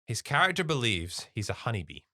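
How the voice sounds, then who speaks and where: Animated man reviewing films. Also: mid-range voice, a little fast, no room sound, clean studio sound. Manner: animated, rambling, emphatic. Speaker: podcast co-host. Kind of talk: casual film review chat.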